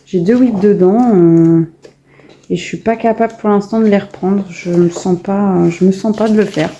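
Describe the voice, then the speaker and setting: A woman's voice: medium pitch, normal speed, dark tone, a little hiss or hum. A woman casually showing her finished coloring pages in a vlog, chatty and full of hesitations and restarts. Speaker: coloring vlogger. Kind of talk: casual show-and-tell vlog.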